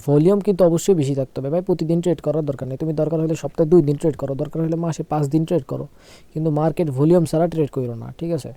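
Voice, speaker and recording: Slow-talking unwell man. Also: a little high, mellow, no echo. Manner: slow, repeats phrases, asks "okay?" often. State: unwell, speaking slowly. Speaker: trading tutor. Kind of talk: casual screen-share tutorial.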